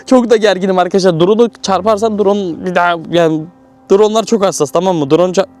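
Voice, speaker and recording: A young man talking viewers through drone footage, jumpy and excitable, swinging from hushed tones to high excited bursts. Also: quick pace. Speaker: YouTuber flying a drone.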